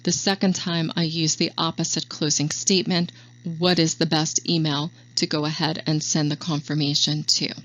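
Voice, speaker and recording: A woman giving a sales training lecture over slides, speaking in a steady, instructive way and acting out sample phone lines. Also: sits low, moderate pace. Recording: dull lo-fi recording.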